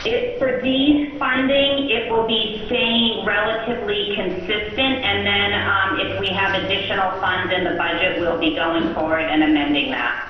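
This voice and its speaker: A woman speaking over a phone line as a state official answering council questions, pausing often with um fillers. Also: medium pitch, steady tone, soft background music. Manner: frequent um fillers, halting phrasing. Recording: muffled echoey phone line, faint noise.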